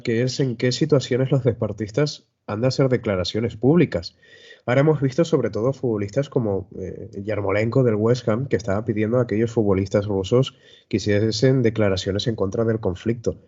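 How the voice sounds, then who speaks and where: A man's voice: mid-range voice, a little fast, warm tone, husky. A man on a debate panel who talks steadily and raises points in an argumentative way. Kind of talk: debate talk. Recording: dull lo-fi audio.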